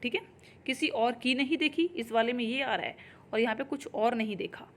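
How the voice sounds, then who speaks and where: A woman teacher, explaining grammar in Hindi and reading example sentences slowly and carefully. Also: on the high side, a bit bright, a little hiss or hum. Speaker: English teacher. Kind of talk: exam-prep grammar lesson.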